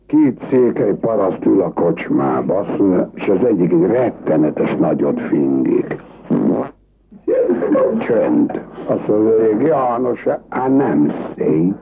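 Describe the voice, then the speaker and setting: A man telling bawdy cabaret jokes in a lively, colloquial storyteller manner, heard on a tinny old cassette dub. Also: low voice, noisy background. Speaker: joke teller.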